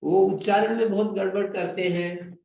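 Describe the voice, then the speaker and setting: A man teaching Sanskrit grammar in a classroom lecture, slowly explaining and sounding out pronunciations as examples. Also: high-pitched, steady tone, creaky. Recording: echoey room, dull lo-fi sound.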